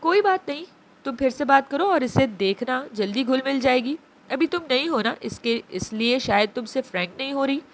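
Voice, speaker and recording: A woman's voice: high voice, expressive, moderate pace, slight background noise. A woman doing a kind, reassuring older lady. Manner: warm reassuring. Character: kind older woman, comforting mother-in-law.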